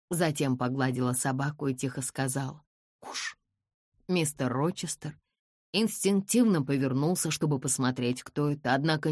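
An audiobook narrator reading a classic novel in the first person, with calm, measured storytelling. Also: mid-range voice, dry recording, clean studio sound. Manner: calm, measured storytelling, softer in the heroine's replies.

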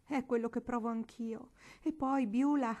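A woman's voice: on the high side, fairly even intonation, unhurried, darkish tone, voice pushed up, natural voice. A woman reading aloud voices a small tearful girl, pleading and breathless in a storybook reading.

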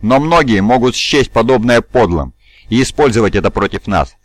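A man voicing a weary, scheming old male regent who speaks in a measured, cool, persuasive way. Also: medium pitch, lively intonation, no echo, lightly acted.

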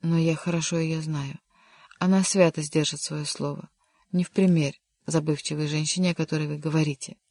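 A grave, loyal servant consoles his master in low, subdued tones, as an audiobook reader puts him on. The delivery is flat and measured, recorded dry and close. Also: creaky, no room sound. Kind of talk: audiobook reading.

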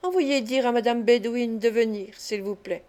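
A woman reading an audiobook, voicing an older gentleman who speaks brusquely. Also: on the high side, normal speed, close to an everyday voice.

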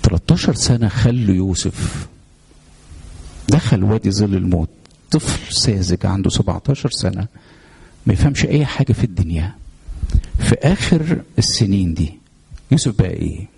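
A man's voice: deep voice, lively intonation, normal speed, creaky, long pauses, darkish tone, breathy edge. A man with an Egyptian accent preaching a sermon, telling a story and questioning the congregation. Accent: Egyptian Arabic. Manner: storytelling, speaks directly to the congregation. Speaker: pastor.

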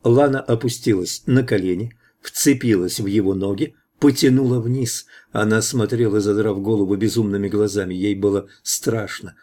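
A man narrating an audiobook in a steady storytelling manner. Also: lowish voice, moderate pace, hardly any pauses. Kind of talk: audiobook narration of science fiction.

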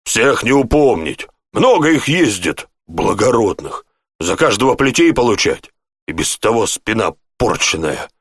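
A man voicing a rude, gap-toothed male gate guard who talks gruffly and grumbles, raised above his own voice. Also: lowish voice, very animated, unhurried, no room sound, clean studio sound, full character voice. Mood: grumbling.

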